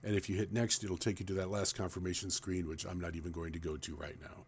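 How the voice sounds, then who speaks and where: A man's voice: sits low, flat delivery, fast, slight background noise. A man walking through a computer task step by step in a plain, explanatory screen-recording tutorial. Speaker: tech tutorial presenter.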